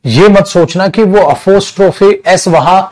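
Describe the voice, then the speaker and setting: A man's voice: high voice, darkish tone. A middle-aged man teaching English grammar in a casual, teasing lecture style, calling students "beta". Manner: slow, chatty, teasing, calls students beta.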